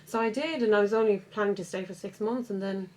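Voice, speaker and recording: A woman in her thirties from Sweden, a native Swedish speaker with a slight Swedish accent, answering interview questions in a measured, articulate way. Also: medium pitch, darkish tone. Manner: articulate, measured, with some fillers. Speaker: local councillor. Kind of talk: interview guest.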